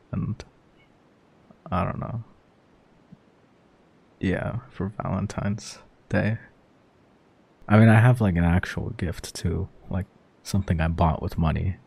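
Man acting a sheepish, gravelly-voiced embarrassed boyfriend. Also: deep voice, a little mellow, heavily acted. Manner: halting, casual, swearing. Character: sheepish, embarrassed boyfriend caught by his partner. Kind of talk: conversational audio role-play.

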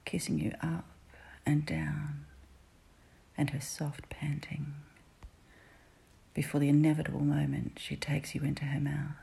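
A woman whispers close to the ear in an intimate adult roleplay. Her voice is very breathy and dark, with a heavy gravelly fry. She keeps a slow, flat, unhurried delivery. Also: low voice. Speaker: audio roleplay performer.

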